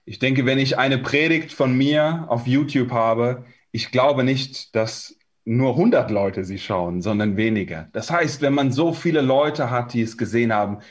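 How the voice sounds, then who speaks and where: A German man preaching a sermon in short, conversational phrases, pausing for his interpreter. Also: mid-range voice.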